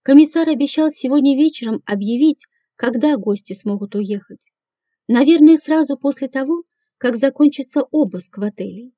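A strict, proper hotel manager woman with curt, stern replies, as a female audiobook narrator voices her. The voice sits high, the timbre is very dark and mellow, and the recording is dull and dry. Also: expressive, moderate pace, no room sound.

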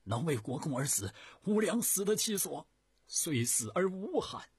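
A fiercely devoted young officer pledges himself in high, ringing cries, as a male storyteller puts him on. The husky voice leaps across a wide pitch range, recorded dry and close. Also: wildly swooping pitch, normal speed, no room sound, exaggerated voice. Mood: fervent, devoted. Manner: loud, high-pitched, fervent declaiming. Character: loyal young male officer, fervent and self-sacrificing.

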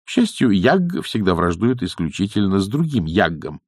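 A man reading an audiobook in a theatrical, lively way. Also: fairly low pitch, moderate pace, slightly rough, dry recording, studio quality. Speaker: audiobook narrator.

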